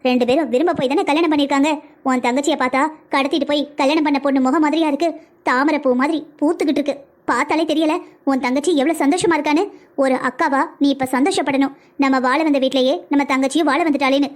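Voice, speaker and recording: A middle-aged mother defends her son in this cartoon household, voiced by a woman. Her high voice rushes along, reproachful and emotional. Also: steady tone, natural voice. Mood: stern. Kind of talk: cartoon family drama acting.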